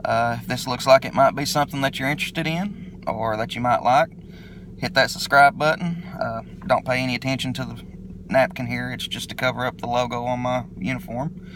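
A middle-aged man from eastern Kentucky with a local accent, talking in a laid-back, halting way as he introduces his vlog in a video recorded on his phone. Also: mid-range voice, fairly even intonation, fairly bright tone, slight background noise. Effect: self-recorded phone video. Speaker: motovlogger introducing his channel. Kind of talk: casual unscripted vlog intro.

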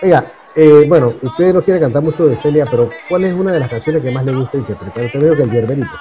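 A man's voice: mid-range voice, fast, warm tone, highs cut off, a faint crowd. A man with a Peruvian accent from Lima, hosting a TV interview in a conversational tone and ending his questions with a prompt. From Peru.

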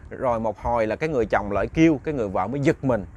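A man's voice: medium pitch, lively intonation, racing, darkish tone. A man with a Southern Vietnamese accent telling a ghost story, chatty and talking straight to his listeners. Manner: chatty, addresses listeners directly.

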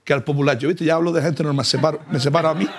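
A man's voice: on the high side, steady tone, rapid-fire. A man telling boastful, mock-humble comic stories in a casual chat, laughing often. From Canary Islands. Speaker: comedian guest. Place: car.

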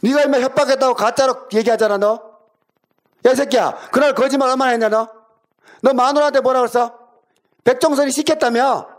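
A man's voice: very high voice, fairly even intonation, brisk, pauses often. A middle-aged man in a heated phone argument with his younger brother, hurling insults and taunting questions. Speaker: older brother.

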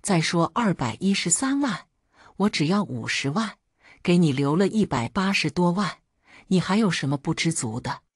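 Woman reader doing an indignant old dad in his seventies, low and husky, scolding. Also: big pitch swings, moderate pace, no echo, studio quality, exaggerated voice. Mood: demanding. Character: elderly father in his seventies, stubborn, demanding, favors his son.

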